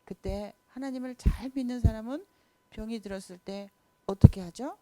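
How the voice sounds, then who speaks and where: A woman's voice: fairly high pitch, moderate pace, warm tone. A woman teaching a children's Sunday school class, telling a Bible story expressively and speaking directly to the children.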